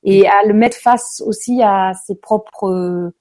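Chatty hesitant French actress. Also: female voice, medium pitch, fairly even intonation, takes it slowly, a little mellow. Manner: many fillers, hesitant, chatty. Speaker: guest, stage actress. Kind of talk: casual interview chat.

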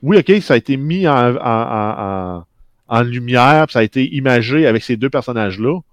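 A man's voice: mid-range voice, lively intonation, normal speed, dry recording. A man with a Quebec French accent on a casual panel, arguing his views at length. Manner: opinionated, argues his point at length.

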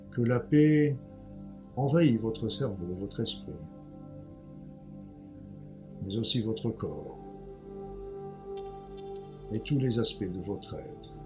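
A man leading a guided relaxation like a sleep story narrator, speaking gently and slowly in a hushed delivery with long pauses. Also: mid-range voice, animated. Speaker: guided meditation leader. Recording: dull lo-fi sound with music behind. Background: meditation music.

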